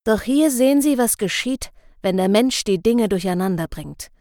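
A woman voicing a gruff, stubborn bearded male professor who grumbles and lectures. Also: mid-range voice, animated, moderate pace, a little mellow, no room sound, studio quality, close to an everyday voice. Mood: lecturing. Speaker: field researcher.

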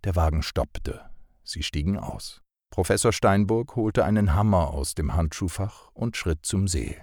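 A man narrating an audiobook in a measured, even storytelling manner. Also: low voice, vocal fry, no echo, studio quality.

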